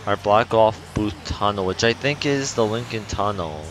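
At home, a New York let's-play gamer with a low voice gives casual commentary on his gameplay, rambling along in slangy, profane language. He talks at a normal speed, with some background noise audible.

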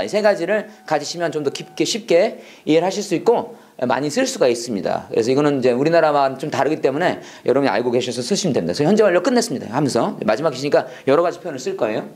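A Bible school teacher giving a lecture that mixes English lessons with preaching, animated and quick to laugh at their own slips. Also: medium pitch.

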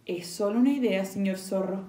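A woman voicing a small, frightened but clever piglet in a read-aloud storybook, with high squealing pleas. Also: a little fast, dark tone, lightly acted. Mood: coaxing. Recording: echoey room.

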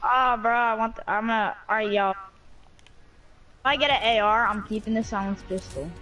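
Casual male gamer, relaxed slangy chatter, slightly high voice. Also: normal speed. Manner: laid-back, peppers talk with "bro". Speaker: gamer streaming a match. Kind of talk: casual gaming chat with friends.

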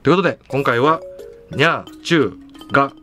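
A man's voice: mid-range voice, fairly quick, pushed and bright. A young man hosting a radio show, talking chattily with a Tosa accent. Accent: Tosa dialect of Kochi. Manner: chatty, amused. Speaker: radio host. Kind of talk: casual radio talk. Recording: faint music underneath.

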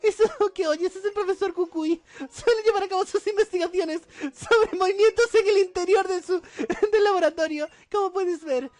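A man's voice: very high voice, moderate pace, hardly any pauses, a little mellow, dry recording, faint music behind, pitched above the performer's own voice. A man doing a chirpy girl lab assistant. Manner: sweet, mock-innocent girly voice. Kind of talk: comic game dub.

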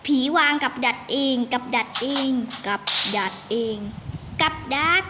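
High-pitched young girl, chatty game commentary. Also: expressive, measured pace, pushed and bright, slight background noise. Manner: chatty, exclaiming, talks to viewers. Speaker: gaming video host. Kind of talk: casual live game commentary.

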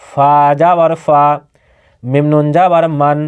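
Slow, clear-voiced male recitation teacher. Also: on the high side, steady tone, phone-quality sound. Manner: patient, repeats each syllable twice. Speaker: Quran reading teacher. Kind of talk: slow spelling-out recitation lesson.

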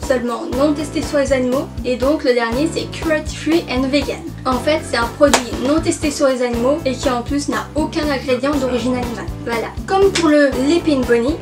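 High-voiced chatty woman vlogger. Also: distant mic. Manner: chatty, jokey asides, self-mocking English. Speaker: beauty vlogger. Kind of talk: casual explainer vlog.

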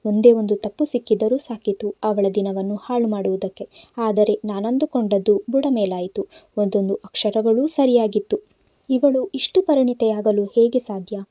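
A woman's voice: medium pitch, moderate pace, warm tone, no room sound. A woman reading an audio novel aloud, telling a man's story in first person and voicing its characters. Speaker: narrator. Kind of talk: Kannada audio novel narration.

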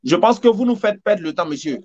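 A woman's voice: medium pitch, lively intonation, fairly quick, darkish tone, lo-fi sound. A woman moderating a debate over a video call, firmly calling the speakers to order. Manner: firm, repeatedly calls for order.

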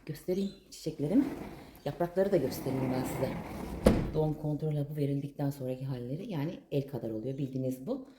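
A Turkish woman in her thirties talking casually while she works in her home garden, sharp-tongued and indignant, then chatty. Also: rumbling low, quick pace, very noisy. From Turkey. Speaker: vlogger.

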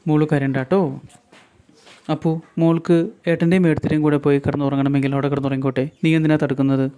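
A man voicing the lines of a gentle, worried young father in a retold serial story, speaking soothingly. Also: a little high, level tone, quick pace, natural voice. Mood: concerned. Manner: soothing, concerned.

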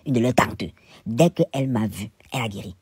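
A cooking vlogger with a Cameroonian accent tells stories in a chatty voice-over that is theatrical and exclamatory, full of playful indignation. His mid-range, darkish voice runs a little fast with a breathy edge, and there's no echo.

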